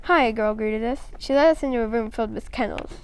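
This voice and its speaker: A woman's voice: a little high, steady tone, quick pace, a little mellow, a little hiss or hum. A woman reading a first-person children's story aloud in a plain storytelling manner, with a few small slips.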